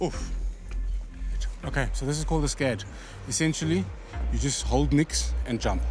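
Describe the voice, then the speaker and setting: A man's voice: medium pitch, normal speed, over music. A man hosting with playful jokes and nervous stammers. He is recorded echoing inside a huge concrete cooling tower. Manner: joking, stammering with nerves. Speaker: host. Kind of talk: playful presenting.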